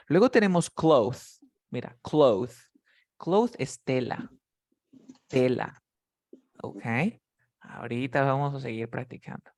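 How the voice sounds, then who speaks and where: A man's voice: medium pitch, dry recording, studio quality. A man teaching English to beginners in a live class, patiently drilling words and calling on students by name.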